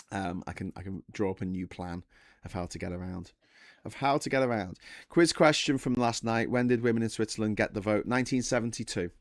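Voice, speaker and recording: A man in his forties chatting casually on a live stream, wandering from one bit of trivia to the next and correcting himself as he goes. His voice sits fairly low, and the sound is dry and close with no room to it. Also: dry recording. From England. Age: 40s. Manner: rambling, self-correcting, chatty with the chat. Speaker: livestream host.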